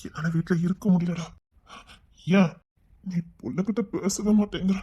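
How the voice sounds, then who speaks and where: A man's voice: high voice, steady tone, moderate pace, dark tone, slightly rough, dull audio. A man voicing an anxious, doting father in an audio love story, confiding his worry plaintively. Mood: worried.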